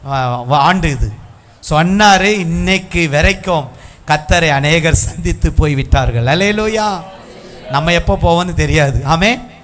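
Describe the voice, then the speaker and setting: A man from Nadu, preaching a sermon as a pastor and building to drawn-out, shouted proclamations. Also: sits high. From Tamil Nadu. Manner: rising to drawn-out shouted proclamations with calls of hallelujah.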